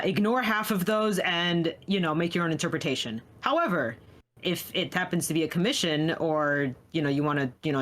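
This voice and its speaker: A woman chatting animatedly about art on a voice call. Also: low-pitched. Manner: animated storyteller, with fillers. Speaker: artist in a group drawing stream. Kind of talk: casual chat. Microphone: Discord voice call.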